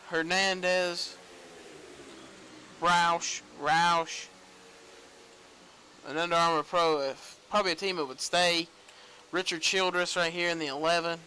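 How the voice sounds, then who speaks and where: A young man giving casual play-by-play commentary on a sim racing league, rambling between team names and growing excited at the finish. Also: fairly high pitch, slight background noise, poor audio. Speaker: race commentator.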